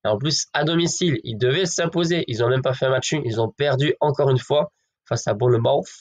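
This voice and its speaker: A man's voice: mid-range voice, a little fast. Chatty man giving football tips. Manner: chatty, addresses viewers as friends, hedges with fillers. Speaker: football betting tipster. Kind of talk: casual direct-to-camera football predictions.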